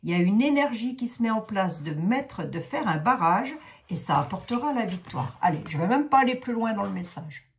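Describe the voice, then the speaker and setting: A woman's voice: mid-range voice, expressive, a little fast, slight background noise. Chatty sixty-something woman with a Lorraine accent. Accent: Lorraine French. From Lorraine, France. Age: 60s. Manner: chatty, rambling, many asides and fillers. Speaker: card reader, psychic. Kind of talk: casual oracle card reading.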